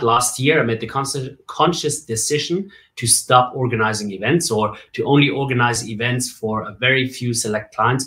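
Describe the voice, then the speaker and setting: Forties male guest raised in Germany, coach and MC type; lively storytelling delivery, mid-range pitch. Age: 40s. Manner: lively storyteller, jokes and rhetorical asides. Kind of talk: casual interview on a video call.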